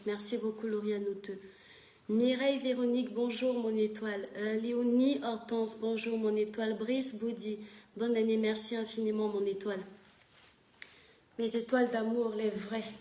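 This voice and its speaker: A woman's voice: on the high side, darkish tone. A woman with a Cameroonian French accent hosting a casual livestream, greeting viewers one by one in a fervent, emphatic way. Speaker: livestream host and gospel singer. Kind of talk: casual social media livestream. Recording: roomy echo.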